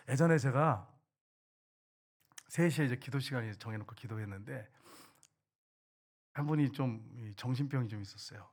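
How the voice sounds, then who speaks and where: Male pastor, sermon, mid-pitched voice, questions the flock, shifts from emphatic to near-whisper. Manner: addresses the congregation with rhetorical questions; swings from emphatic to hushed, near-whispered delivery.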